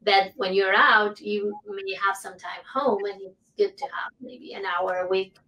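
A woman's voice: medium pitch, steady tone, unhurried, bright, forceful tone, recorded from a distance, rough recording. A woman presenting her research on a panel, hesitant and full of fillers. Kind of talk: panel discussion.

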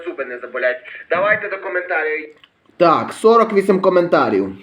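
Fast-talking young vlogger man. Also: a little high, very animated, muffled recording, background noise. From western Ukraine. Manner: reads viewer comments aloud, chatty, self-deprecating. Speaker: YouTube vlogger. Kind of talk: casual comment-reading vlog.

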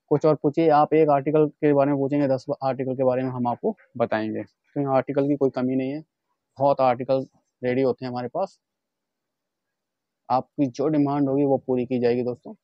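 A man's voice: mid-range voice, dry recording, highs cut off. A man from India giving a chatty walkthrough of leather shoes in a casual vlog, often calling out to his viewers as friends. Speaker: vlogger showing shoes for wholesale. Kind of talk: casual product demonstration vlog.

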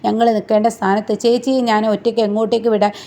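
A woman's voice: on the high side, level tone, fast talker, dark tone, natural voice. A woman voicing an indignant, pleading young woman, a protective younger sister.

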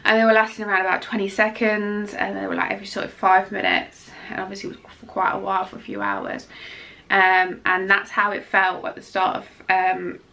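A young woman chats through a pregnancy update, exhausted and close to tears. Her voice is bright and edged, with a gravelly fry underneath. She rambles and restarts, filling gaps with ums. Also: medium pitch, little pitch movement, brisk. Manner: rambling, emotional, frequent ums and self-restarts. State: exhausted and tearful. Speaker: vlogger. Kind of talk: casual pregnancy update vlog.

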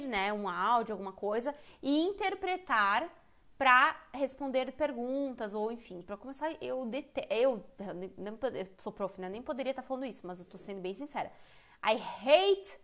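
Brazilian woman, English teacher, live online class, candid and chatty, fairly high voice. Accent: Brazilian Portuguese. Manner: candid, chatty, self-interrupting. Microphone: computer mic on a live stream.

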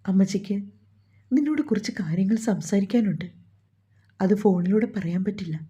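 Pleading, tearful older mother from a novel audiobook, as a woman narrator puts her on, the voice dark and husky with a soft breathy edge. The recording sounds dull and lo-fi. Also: medium pitch, normal speed. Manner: emotional, pleading, scolding.

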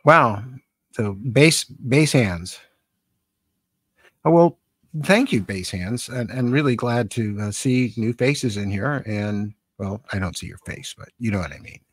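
A man in his seventies from San Francisco, Northern California, hosts a casual live stream from his small, cluttered home studio, reading and answering comments in a rambling, halting, conversational way. He's close on a boom-arm studio mic and wears headphones; his voice is on the low side, with no room sound.

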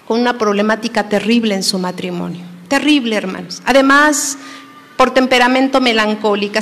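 A woman from Mexico preaches to a congregation, pressing her points with emphasis and then sinking to a hushed near-whisper. Her voice sits high, and a long reverb trails behind it through the church hall. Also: slight background noise. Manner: emphatic, shifts between loud exhortation and hushed near-whisper. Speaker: preacher at a women's conference. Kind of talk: sermon.

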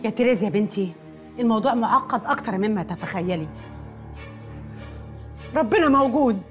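An actress playing an older, insistent nun with an Egyptian accent in a TV drama. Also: female voice, fairly high pitch, lively intonation, fairly quick, over music, lightly acted. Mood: gentle. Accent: Egyptian Arabic. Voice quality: urgent, insistent.

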